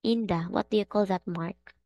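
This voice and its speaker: A woman's voice: mid-range voice, steady tone, moderate pace, dark tone, no room sound, lo-fi sound. A woman teaching an online English class, speaking patiently and checking often that her students understand.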